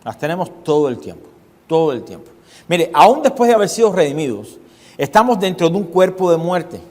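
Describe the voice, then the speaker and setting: A male pastor gives a forceful sermon at a moderate pace, his slightly high, somewhat mellow voice swinging widely in pitch. Key phrases come back again and again alongside rhetorical questions, all echoing with the long reverb of a church hall.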